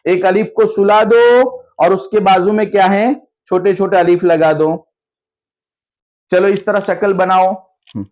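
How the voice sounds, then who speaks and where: A man with a notably high voice trains madrasa teachers by acting out a lesson. He asks questions and answers for the children, patient and encouraging, repeating each step. The recording sounds dull and lo-fi. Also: steady tone, unhurried, a little mellow. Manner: acts out classroom exchanges, asking children questions and answering for them.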